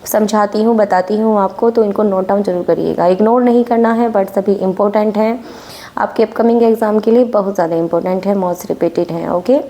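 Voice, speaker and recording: A woman's voice: medium pitch, warm tone. A woman teaching English vocabulary for exam prep, repeating each word and its meaning and often checking in with "okay?".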